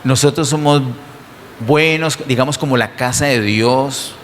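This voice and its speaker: A man's voice: medium pitch, unhurried, slight background noise. A man preaching a sermon to his congregation, emphatic and full of rhetorical questions, in a church. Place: church hall. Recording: distant sound with long hall reverb.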